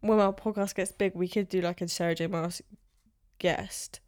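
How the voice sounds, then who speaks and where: A woman's voice: lowish voice, steady tone, moderate pace, a little mellow. A young woman, co-hosting a casual podcast chat, talking in a loose, chatty way full of fillers and ready laughs. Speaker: podcast co-host.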